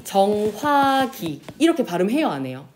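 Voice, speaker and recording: A woman teacher giving a classroom lesson, asking questions and answering them herself, and drawing out example words slowly. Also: mid-range voice, soft background music. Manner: lively, pronounces example words slowly and drawn out. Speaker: Korean language teacher. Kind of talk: classroom lecture.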